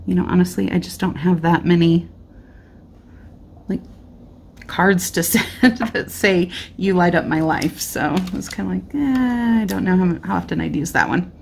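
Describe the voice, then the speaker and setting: In this laid-back crafting tutorial, a woman makes cards at an indoor desk, chatting and musing aloud as her voice starts to give out a bit. Her medium-pitched voice is creaky and a little mellow, with some faint hiss or hum. The overhead camera captures only her hands on the craft mat.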